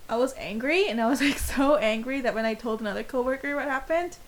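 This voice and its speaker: A soft-spoken woman in her twenties chatting frankly, laughing often. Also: a little high, quick pace. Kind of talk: casual chat.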